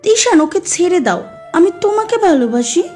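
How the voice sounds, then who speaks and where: A woman plays a lovestruck, headstrong young woman in an audio drama, her voice very high and swinging widely in pitch. She talks in a pleading, insistent way, with faint music under her lines. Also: sing-song, moderate pace, darkish tone. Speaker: voice actor.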